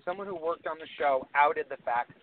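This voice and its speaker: A man's voice: fairly high pitch, a little fast. A man calling into a talk show, ranting heatedly and scornfully, piling up phrase after phrase. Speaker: caller. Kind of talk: casual political rant. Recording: tinny phone line with faint hiss.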